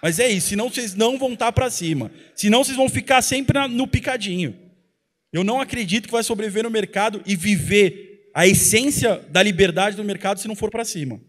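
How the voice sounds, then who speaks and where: A man's voice: high voice, fairly quick, a bit bright. A man in his thirties speaking bluntly and pushily to a conference crowd through a handheld mic. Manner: blunt, pushy, colloquial. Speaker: trader and co-presenter. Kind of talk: motivational talk on stage. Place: large conference hall with audience.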